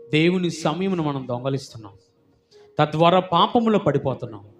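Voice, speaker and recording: A man preaching a sermon as pastor, fervent and emphatic, firing rhetorical questions at the congregation and repeating words for emphasis. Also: on the high side.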